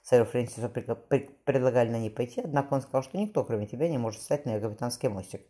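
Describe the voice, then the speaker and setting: A man's voice: medium pitch, fast, dark tone, lightly acted. A man voicing an earnest young sailor in his early twenties in an audiobook.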